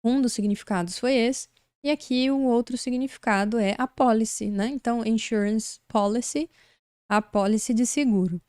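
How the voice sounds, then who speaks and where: A woman's voice: on the high side, normal speed, a little mellow, no echo, clean studio sound. A woman from Brazil teaching an online English lesson, explaining words patiently step by step.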